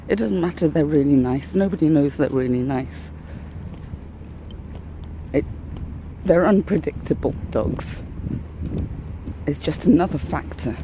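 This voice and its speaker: A woman's voice: low-pitched, measured pace, pauses often, warm tone, slight background noise, poor audio. A woman vlogging while out walking, out of breath, talking in a rambling, candid and wry way. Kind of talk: casual walking monologue. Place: outdoors, walking dogs. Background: faint outdoor ambience.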